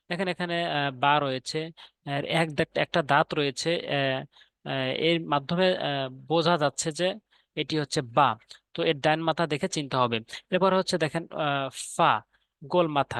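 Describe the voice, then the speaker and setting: A man with a somewhat high voice walks beginners through a lesson, saying each letter name again and again. He pauses often with hesitant sounds and keeps a steady, patient teaching tone. The sound is dry and close, with no room around it. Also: no echo. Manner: patient, repetitive drilling of letter names with frequent "ah" fillers. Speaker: Quran reading teacher. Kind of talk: explaining Arabic letters in a lesson.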